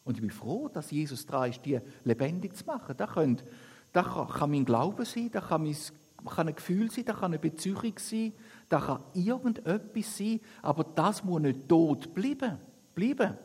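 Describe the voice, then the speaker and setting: A man's voice: fairly high pitch, animated, moderate pace, darkish tone, breathy edge. A man preaching earnestly to his congregation, repeating phrases for emphasis and reading a passage aloud. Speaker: pastor. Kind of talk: sermon with Bible reading and prayer. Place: church. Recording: long reverb of a church hall.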